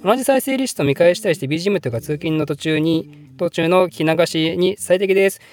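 A Japanese man hosting a history channel, answering viewer questions in a rambling, self-deprecating way with frequent laughter; his voice is slightly pitched up in editing. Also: fast talker, darkish tone. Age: adult, working. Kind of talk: casual Q&A monologue.

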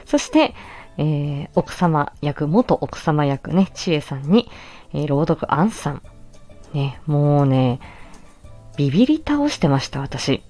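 Faint music plays behind this woman's low, mellow voice, which has a slow, sing-song lilt. As host of a casual solo audio stream, she talks in a chatty, courteous, explanatory manner. She is a host and an amateur voice actress.

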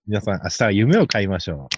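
A man hosting a casual podcast chat, talking fast and laughing at his own jokes. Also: lowish voice, a little hiss or hum. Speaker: podcast host. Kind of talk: casual chat about horse racing picks. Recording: dry, slightly dull lo-fi recording.

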